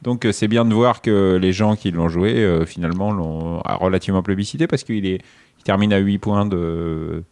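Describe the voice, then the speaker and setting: Low-voiced man, dry close sound. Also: a little mellow, no echo. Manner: measured, many fillers. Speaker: board game publisher guest. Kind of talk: casual group chat on a board game radio show.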